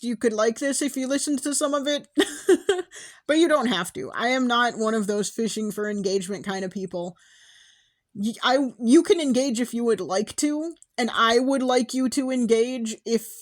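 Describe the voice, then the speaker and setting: A young woman with a slightly high voice, talking alone into a home mic. She rambles, second-guesses herself and laughs often, and her voice is wearing thin and hoarse. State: losing her voice. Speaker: podcast host. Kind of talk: casual personal monologue.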